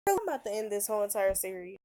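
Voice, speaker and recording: A woman giving casual commentary while playing a story game on her phone, venting loudly in slangy, exasperated bursts. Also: mid-range voice, lively intonation, rapid-fire, dry recording. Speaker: gamer reading a story game aloud.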